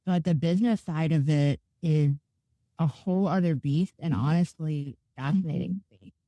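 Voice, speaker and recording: A woman's voice: low voice, moderate pace, warm tone, dry recording. A woman podcast host chatting casually with a guest in an interview.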